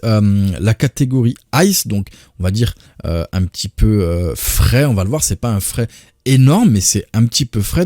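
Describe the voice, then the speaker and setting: A man's voice: fairly low pitch, warm tone, no echo, clean studio sound. A man from France casually explaining products on his channel, with many hesitations and fillers. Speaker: product presenter.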